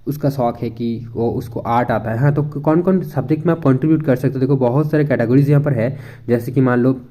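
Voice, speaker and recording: Mellow-voiced young man explaining casually. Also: medium pitch, brisk. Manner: chatty, thinking aloud with fillers and Hindi-English mixing. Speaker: education YouTuber. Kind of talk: casual screen walkthrough.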